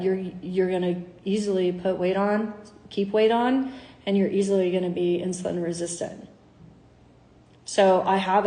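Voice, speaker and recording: A woman's voice: medium pitch, warm tone, reverberant. Chatty woman, health coach. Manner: chatty, candid, acts out dialogue. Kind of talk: casual talk to followers.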